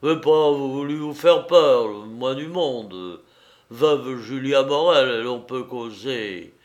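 Man doing a loud, brutal old-time sailor. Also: on the high side, a little slow, voice pushed up. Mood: gruff softened. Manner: swears sailor oaths, shouting. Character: rough jealous male sailor, menacing and loud.

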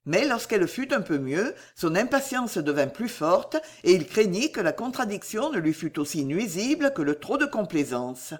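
A male audiobook narrator reading a novel aloud. His voice sits high for a man and swings through a very lively melody. The reading is expressive and dramatic throughout. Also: normal speed, hardly any pauses.

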